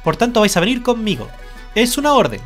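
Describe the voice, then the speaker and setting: A streamer from Spain putting on a pompous male parrot in a game, strict and fussy, scolding, lively sing-song delivery, soft music behind. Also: mid-range voice, fairly quick, voice pushed up. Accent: Spain Spanish. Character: bossy pompous male parrot guildmaster's aide.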